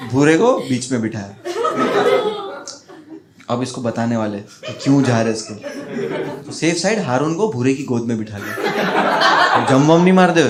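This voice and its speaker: A man doing stand-up, telling a childhood story in an animated way and acting out his friends' voices. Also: mid-range voice, measured pace, pauses often, very noisy. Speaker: stand-up comedian.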